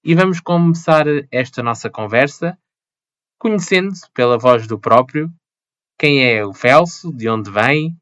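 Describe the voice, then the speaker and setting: A man hosting a podcast, opening the episode with a measured scripted introduction read from a prepared text. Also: medium pitch, expressive, a bit bright, no echo, highs cut off. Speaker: podcast host.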